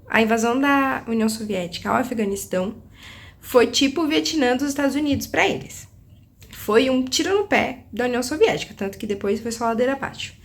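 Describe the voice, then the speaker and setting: Young woman book vlogger, higher voice, chatty and animated, recorded in an echoey room. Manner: chatty, animated, many restarts and laughs. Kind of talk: casual book review chat.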